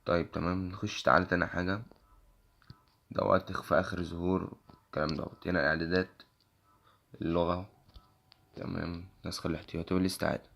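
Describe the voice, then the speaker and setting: A young man with an Egyptian accent and a worn, hoarse voice walks through an app on screen, quickly asking "okay?" after nearly every phrase. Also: deep voice, little pitch movement, fairly bright tone. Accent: Egyptian Arabic. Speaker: tech channel host. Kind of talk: casual screen-recording walkthrough.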